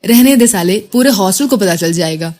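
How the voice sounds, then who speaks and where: A woman voicing an easygoing young male student who jokes and keeps calm. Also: medium pitch, brisk, close to an everyday voice. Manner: calm, joking.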